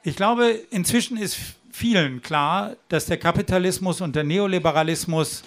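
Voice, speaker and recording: A man from southwestern Germany speaks at an outdoor rally in a high voice at normal speed. Earnest and persuasive, he sometimes restarts his sentences.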